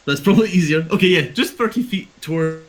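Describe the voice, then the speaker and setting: A man's voice: high-pitched, fast talker. A man playing a tabletop game over a voice call, hesitant and thinking aloud, while his mic cuts out and his volume jumps up and down. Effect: mic cutting out, uneven volume. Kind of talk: casual online game chat. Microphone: home mic on a voice call.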